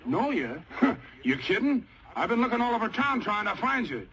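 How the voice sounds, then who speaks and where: A man playing a gruff but friendly small-town cop who sounds concerned, in an old film. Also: sits high, big pitch swings, normal speed, fairly bright tone, highs cut off, heavily acted. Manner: brusque, then concerned.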